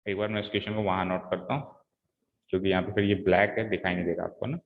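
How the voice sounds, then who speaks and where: A man's voice: low-pitched, steady tone, fast talker. Patient male maths teacher, echoey lo-fi. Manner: quizzes students, calls them "beta" and "bhai". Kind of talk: live online maths class. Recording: echoey room, dull lo-fi sound.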